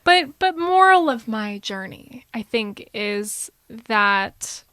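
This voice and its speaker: A young woman talks on a casual podcast in a bright, forceful voice that sits a little high. She rambles through her stories with plenty of "like"s. The sound is dry and close to the mic. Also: big pitch swings, slow pace, no echo. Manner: rambling, filler-heavy storytelling with many "like"s. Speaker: podcast co-host, cinematographer.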